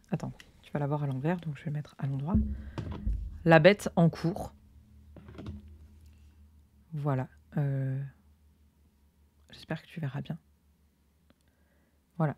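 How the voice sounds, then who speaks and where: Speaking at a measured pace with long pauses, a low-voiced woman hosts a podcast in a Cantal, Auvergne French accent. She chats casually and rambles with many fillers while crocheting, close to her own microphone, with no echo.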